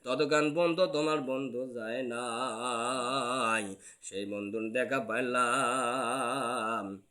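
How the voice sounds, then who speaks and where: Male preacher, chanted sermon delivery with big swings between loud pleas and quiet low lines, bright voice. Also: fairly even intonation, slow. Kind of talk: sung Bengali waz sermon.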